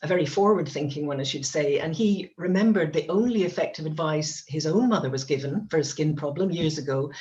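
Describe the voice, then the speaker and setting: A woman's voice: deep voice, fairly quick, few pauses, darkish tone, lo-fi sound. A woman, explaining things conversationally as a founder being interviewed. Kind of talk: casual explanatory chat.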